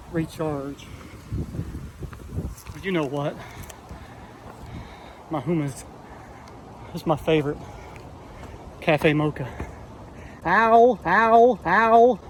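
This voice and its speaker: A man's voice: fairly high pitch, fairly even intonation, slow pace, pauses often. A man chatting casually to his vlog while out running on a trail, rambling along in a self-amused way into a handheld camera. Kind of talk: casual solo vlog chat. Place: outdoors on a trail. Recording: outdoor ambient noise.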